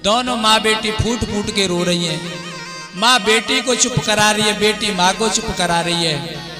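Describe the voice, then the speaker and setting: A man with a high voice gives a slow, unhurried devotional sermon. He sings verses and tells the story with feeling, speaking warmly to his listeners as brothers, with devotional music playing behind him. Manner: emotional, addresses listeners as brother. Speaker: devotional preacher and singer.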